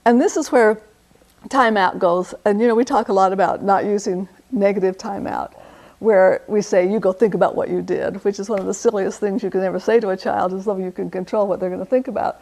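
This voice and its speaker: A woman's voice: mid-range voice, fairly even intonation, fairly quick, darkish tone. An older woman giving a conversational lecture on parenting, acting out little bits of dialogue between parent and child. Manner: conversational, fillers, acts out quoted dialogue. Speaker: parenting speaker.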